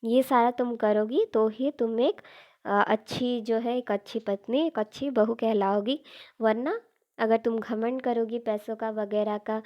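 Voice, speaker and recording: A woman's voice: a little high, steady tone, unhurried, dull audio, lightly acted. A woman voicing an old male sage giving earnest fatherly advice in a storytelling recording. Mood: advising. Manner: earnest, instructive.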